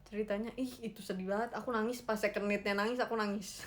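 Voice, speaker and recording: A woman's voice: medium pitch, fast talker. Chatty young woman livestreaming from home. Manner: chatty, emotional, animated storytelling with many fillers. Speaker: idol livestream host. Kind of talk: casual solo livestream chat.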